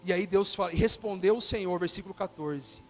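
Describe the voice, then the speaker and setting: A man preaching a sermon, acting out quoted dialogue and swinging between loud bursts and soft, quiet lines. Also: sits high, fairly quick.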